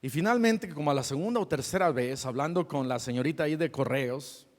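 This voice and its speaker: Animated preacher man in a reverberant church. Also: a little high, fairly quick. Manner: animated storyteller, acts out the people in his stories. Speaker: pastor. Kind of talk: sermon with acted-out stories.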